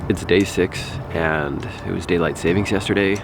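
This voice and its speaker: A man's voice: sits low, moderate pace, creaky, over music. A man hosting an outdoor cold water challenge vlog in casual, chatty speech.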